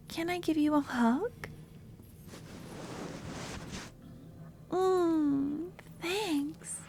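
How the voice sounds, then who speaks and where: In an ASMR roleplay, a woman voices an obsessive young stalker with a high-pitched, fully committed character voice. She sounds delighted and sweet yet menacing, speaking softly and often slipping into a whisper.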